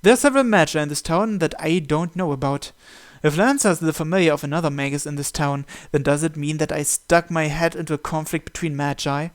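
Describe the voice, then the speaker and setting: This gaming-series host, a man whose voice sits somewhat high, works line by line through a visual novel's first-person story narration. His reading pace is fairly quick.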